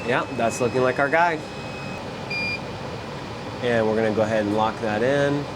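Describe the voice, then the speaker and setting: Speaking at a moderate pace with a medium-pitched voice, this electronics repair technician presenter walks through his work step by step in a relaxed way. Steady background noise like a fan can be heard.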